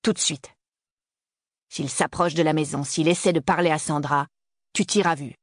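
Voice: mid-range voice, steady tone, moderate pace, dry recording, studio quality, lightly acted. A reader voicing a stern, graying middle-aged father in an audiobook, speaking in a clipped, commanding way. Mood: grim. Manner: clipped, peremptory delivery. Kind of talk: audiobook character reading.

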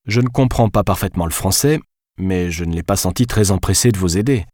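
A sarcastic, mocking man, voiced by a male audiobook reader in his own low register. His delivery is dry and teasing, close to the mic with no room sound. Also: brisk, darkish tone, no room sound, close to an everyday voice.

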